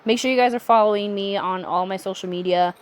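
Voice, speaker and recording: A young adult woman talking through a nail art tutorial in a chatty, relaxed way, with self-correcting asides. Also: medium pitch, quick pace, smooth. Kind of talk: casual step-by-step tutorial narration.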